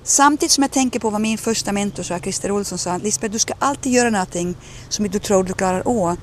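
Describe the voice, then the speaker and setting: Woman telling lively stories. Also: mid-range voice, a little hiss or hum. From Ostrobothnia, Finland. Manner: animated, acts out quoted dialogue. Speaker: interviewee. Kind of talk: personal storytelling in a radio conversation.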